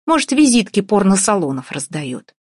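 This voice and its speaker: A woman's voice: medium pitch, very animated, moderate pace, a little mellow, husky, dry recording, studio quality. A woman reading an audiobook, voicing a stern, officious man who runs a shopping mall. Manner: officious, prosecutorial, curt. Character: stern, pedantic male mall director.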